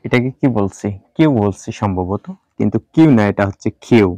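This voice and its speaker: A man teaching English pronunciation in Bengali, repeating each sound slowly and mixing in English words. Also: lowish voice, mellow, no echo. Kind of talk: spoken language lesson.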